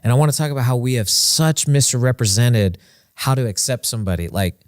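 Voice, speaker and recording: Host: man, medium pitch, dry close recording, informal preacher chatting and encouraging his guest. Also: lively intonation, a little fast, no echo. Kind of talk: casual chat and interviewing.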